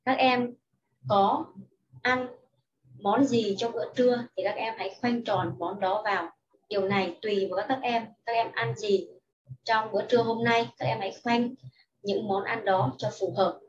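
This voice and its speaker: A woman teaching young children English in a slow, patient lesson, reading each sentence and explaining it in Vietnamese. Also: a little high, fairly even intonation, recorded from a distance, muffled recording. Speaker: primary school English teacher.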